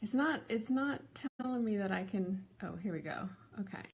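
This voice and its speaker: A woman's voice: mid-range voice, animated, moderate pace. A middle-aged woman hosting a casual live stream, chatty, with many fillers and restarts. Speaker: host.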